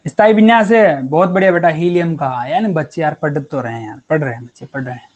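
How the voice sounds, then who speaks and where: This chemistry teacher runs a casual online lesson, talking fast in a slightly high voice with a darkish tone over dull audio. He keeps things chatty and encouraging, calling his students "beta" and "yaar."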